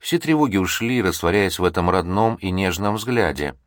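A man narrates a novel in a very low, deep voice, moving freely up and down in pitch. His reading is expressive and measured, recorded close and dry. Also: dry recording. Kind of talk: audiobook narration.

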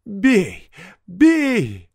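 A man reading an audiobook, voicing a poor peasant man who shouts and curses in despair. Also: huge pitch swings, drawn-out words, vocal fry, no echo, clean studio sound, full character voice. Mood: desperate. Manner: shrill, cursing, wailing. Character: desperate ragged peasant man, furious and reckless.

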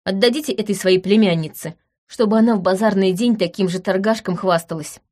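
A woman's voice: mid-range voice, fairly quick, a little mellow, lightly acted. A woman reading an audiobook voices an agitated, stubborn young man close to tears. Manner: heated, stubborn, near tears.

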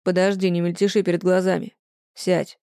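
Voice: mid-range voice, flat delivery, moderate pace, dark tone, clean tone, no room sound, studio quality, lightly acted. An audiobook narrator voicing a stern, controlling young man in a romance story, curt and cold.

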